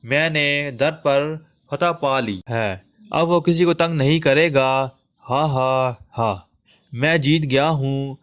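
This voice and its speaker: A man's voice: medium pitch, fairly bright tone, natural voice. A man doing a frantic asylum director losing his mind. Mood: manic.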